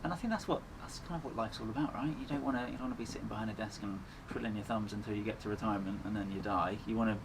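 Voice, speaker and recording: A man with a fairly low voice talks casually as a guest in an interview. His way of speaking is earnest and reflective. Clear ambient noise sits behind his voice. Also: very fast, hardly any pauses. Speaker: endurance runner, interview guest. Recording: clearly noisy ambient background.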